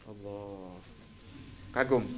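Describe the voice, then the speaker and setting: A man's voice: on the low side, drawn-out words, fairly bright tone. A man preaching a storytelling sermon, emphatic, with Arabic passages chanted in between. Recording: long hall reverb.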